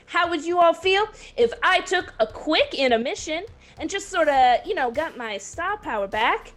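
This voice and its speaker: A woman's voice: very high voice, animated, normal speed, a bit bright, pitched above the performer's own voice. A woman voicing her character, a showy female pop star hyping up her fans with rousing stage patter.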